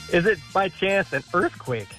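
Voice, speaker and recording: A man's voice: high-pitched, sing-song, slow pace, a bit bright, faint music behind. A man calling a radio contest, heard over a clipped phone line, guessing in a modest, unsure way. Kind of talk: phoning in to a radio show.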